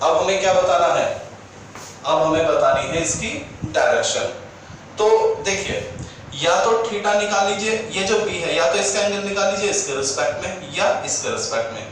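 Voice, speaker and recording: Guy teaching physics, high voice, keeps asking do u get it, super echoey room. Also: moderate pace, fairly bright tone, far from the mic, slight background noise. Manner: coaxing, keeps asking if students follow, calls them dear children. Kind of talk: classroom lecture.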